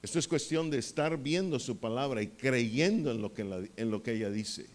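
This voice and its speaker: A man's voice: mid-range voice, lively intonation, normal speed. A man preaching a sermon to a church congregation, firing questions at them and stressing key words. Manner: asks the congregation questions and waits for answers; emphatic, rises on key words. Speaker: pastor. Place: church hall.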